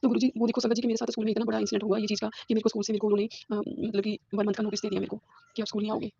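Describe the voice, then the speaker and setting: A woman's voice: medium pitch, flat delivery, rapid-fire, creaky, warm tone, slightly rough, lo-fi sound. A woman, a school teacher giving an earnest devotional testimony. She repeats herself often and mixes English words into her speech, recorded on a phone at home. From Punjab, India. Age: 50s. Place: a room at home.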